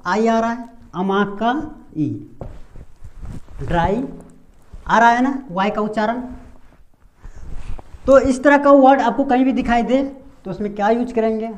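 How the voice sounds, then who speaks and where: A man's voice: very high-pitched, normal speed, long pauses. A man giving a whiteboard pronunciation lesson as an English teacher, asking rhetorical questions and repeating sounds.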